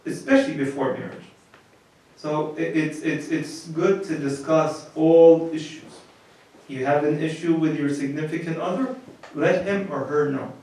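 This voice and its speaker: An American priest delivers a marriage lecture in a plain, conversational style, often restarting and repeating words. His voice is fairly high yet darkish in tone, steady and measured in pace. He is far from the mic, and the very echoey room makes his voice bounce around.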